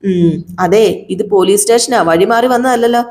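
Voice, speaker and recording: A woman's voice: medium pitch, normal speed, darkish tone, natural voice. Woman doing curt cop from a serial, brushing people off. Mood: dismissive. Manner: curt, dismissive. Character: man, curt police sub-inspector.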